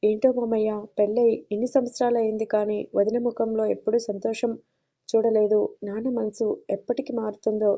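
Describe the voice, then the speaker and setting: A woman's voice: fairly high pitch, little pitch movement, a little fast, dark tone, muffled recording. A woman voicing a possessive, domineering young man in love who talks in a commanding, threatening way, in an audio story. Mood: concerned.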